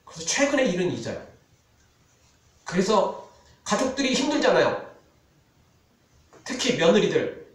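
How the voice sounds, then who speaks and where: A male pastor preaching a sermon with animated delivery, dropping to a solemn tone for scripture. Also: high-pitched, unhurried, long pauses. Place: church sanctuary. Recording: echoey church hall, mic from a distance.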